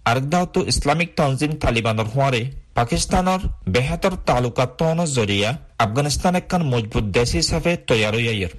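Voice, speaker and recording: A man works as a radio news presenter, reading a scripted bulletin in an AM shortwave broadcast style. His pitch sits in an ordinary middle range for a man. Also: lively intonation, a little fast.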